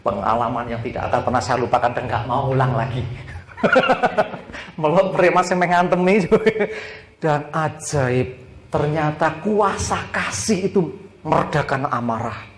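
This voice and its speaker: A man preaching a sermon, telling a personal story dramatically, swinging from hushed prayer to loud exhortation. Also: a little high, unhurried, reverberant, a little hiss or hum. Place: church hall.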